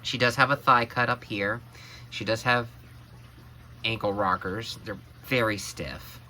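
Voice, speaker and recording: A man hosting a casual action figure review, excitable and exclaiming over every detail he shows. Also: fairly low pitch, a little hiss or hum. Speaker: toy reviewer, channel co-host.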